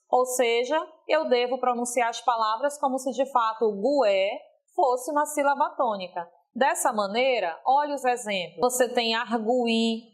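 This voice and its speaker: A woman teacher giving a recorded video lesson, stretching example words slowly and checking in with a frequent "ok?". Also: a little high.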